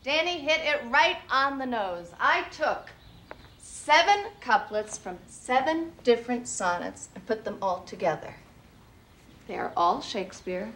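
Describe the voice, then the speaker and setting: A sharp, wry woman in her thirties, a divorced teacher who teases with a dry edge,. Her pitch sits right in the middle, and a faint hiss runs underneath. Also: animated, unhurried. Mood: playful. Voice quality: dry, teasing delivery. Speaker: lead character, teacher and single mother. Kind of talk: TV film acting.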